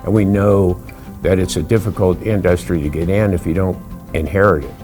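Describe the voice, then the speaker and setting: A man's voice: deep voice, fairly even intonation, moderate pace, darkish tone, faint music behind. A man talking in an interview. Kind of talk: interview talk.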